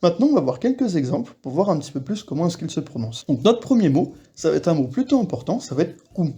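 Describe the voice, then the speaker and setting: A man's voice: on the high side, sing-song, fast, mellow, husky. A man teaching a casual video lesson on reading Korean, explaining patiently and acting out short example phrases.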